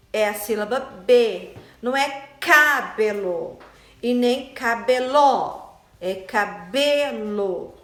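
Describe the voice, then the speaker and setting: With a high, somewhat bright voice, a woman gives a recorded online lesson to young primary pupils. She takes her time, explaining patiently and checking in with frequent "né?" and "tá?", and the room echoes.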